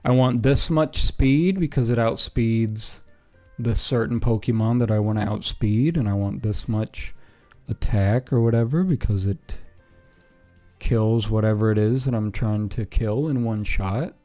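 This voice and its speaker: A man streaming a game, thinking aloud in a relaxed way with frequent ums and self-corrections as he builds a team. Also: fairly low pitch, unhurried, soft background music. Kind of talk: casual stream commentary while building a team.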